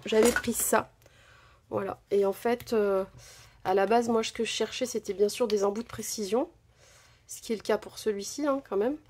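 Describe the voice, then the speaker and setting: At her home craft desk, a woman with a high-leaning, darkish voice casually presents what she bought in a craft haul vlog. She chatters on with frequent fillers and self-corrections, and slight background noise can be heard.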